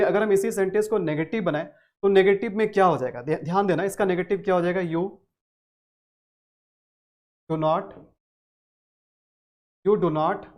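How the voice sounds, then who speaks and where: A man's voice: high voice, a little mellow. Male English teacher, repetitive stressed delivery. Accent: Hindi. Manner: repeats key phrases with heavy stress. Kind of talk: spoken English grammar lesson.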